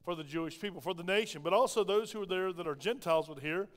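High-voiced Southern pastor preaching in a reverberant hall. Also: male voice, quick pace. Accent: Southern American. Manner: conversational preaching with rhetorical questions. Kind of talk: sermon. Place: church sanctuary. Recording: long reverb of a church hall.

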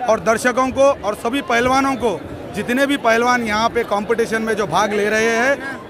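A middle-aged man, a wrestling organizer giving a loud, pleading press statement into news mics, repeating phrases for emphasis. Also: very high-pitched. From Hyderabad, India. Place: outdoor stadium at night, wrestling crowd. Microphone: cluster of handheld news mics. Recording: outdoor event with loud crowd.

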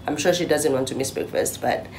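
A woman's voice: low voice, brisk, darkish tone. Woman vlogger, casual and self-mocking to camera, swears a lot; echoey room, faint hiss. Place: hostel room and bathroom.

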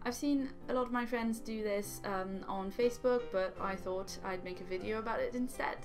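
A woman's voice: medium pitch, moderate pace, music in the background. A young woman from France, a native French speaker, chatting animatedly to camera about books, with frequent ums, in a small living room. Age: young adult. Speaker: book vlogger. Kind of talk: casual chat to camera.

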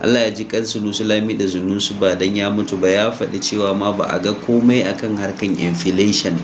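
A man's voice: on the low side, fairly even intonation, fast talker, lo-fi sound. A man from Nigeria with a Hausa accent giving informal, emphatic commentary, mixing languages and exhorting listeners with rhetorical questions. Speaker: online crypto commentator. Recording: noisy amateur recording with background ambience.

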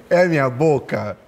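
A man, co-hosting a comedic guessing game with playful, teasing banter. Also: extremely high pitch.

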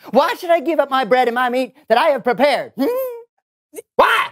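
A man's voice: extremely high pitch, big pitch swings, unhurried, a bit bright, exaggerated voice. A middle-aged man playing a stingy, scornful rich landowner in a comic children's Bible sketch, mocking and exaggerated.

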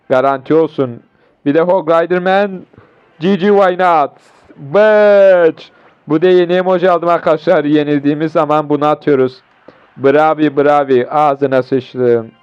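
A hoarse young man giving excitable, foul-mouthed commentary on a mobile game match as he plays, talking to his viewers. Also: a little high, normal speed. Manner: excitable, swearing, talks to viewers mid-match. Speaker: gaming YouTuber. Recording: dull lo-fi recording.

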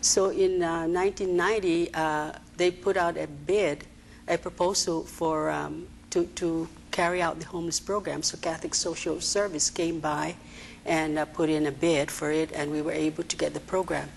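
Woman, low gravelly voice, halting TV interview guest, slight background hiss. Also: steady tone, rough recording. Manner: hesitant, many fillers and restarts. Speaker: executive director of a social services agency, interview guest. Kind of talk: TV interview answers. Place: TV studio.

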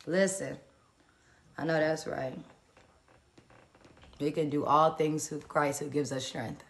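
A woman's voice: sits low, fairly even intonation, takes it slowly. A woman hosting a live-stream morning encouragement, colloquial and preacherly as she greets viewers by where they are.

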